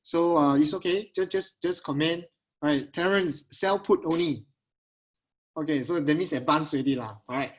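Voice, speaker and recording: Casting: Singaporean man as webinar host, slightly high voice, casual Singlish, repetitive check-ins with attendees. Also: normal speed. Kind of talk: casual live webinar talk to online attendees. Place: at home on a video call.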